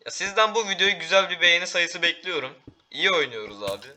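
A teenage boy giving excitable live commentary while playing a game, calling out to teammates and viewers. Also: sits high, quick pace. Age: teens. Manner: excitable, talks to teammates and viewers, frequent exclamations. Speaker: gaming YouTuber.

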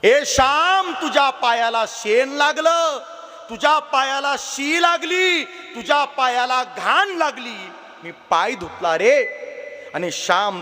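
A man preacher voicing a tender, loving village mother who speaks softly and pleadingly to her small son. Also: high-pitched, pitched above the performer's own voice, full character voice. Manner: soft, pleading, affectionate. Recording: long hall reverb.

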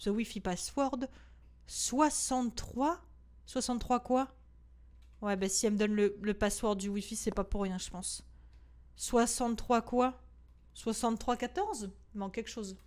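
A woman streaming a horror game live, talking excitedly to her viewers and the game and swearing often. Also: medium pitch, moderate pace.

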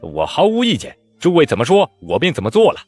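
A man's voice: on the high side, wildly swooping pitch, fast, a little mellow, breathy edge, no echo, voice pushed up, heavily acted. A man voicing a lazy, joking young general who turns startled and sheepish.

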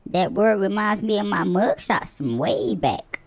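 A woman's voice: mid-range voice, lively intonation, unhurried, creaky, slight background noise. A woman voicing a savage, foul-mouthed old grandma in a teasing, crude comedic game role-play. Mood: bawdy teasing. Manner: grandma voice, teasing, crude, calls people sugar.

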